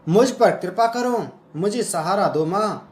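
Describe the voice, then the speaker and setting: A man's voice: high voice, lively intonation, unhurried, roomy sound. A man voicing a grieving, devoted young wife who pleads tearfully in prayer. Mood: pleading prayer.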